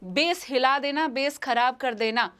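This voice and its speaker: Her voice sits high and a bit bright, and she takes an unhurried pace. A young woman with an Indian accent, she's leading a live English exam-prep class, repeating questions and answers and calling the students "beta."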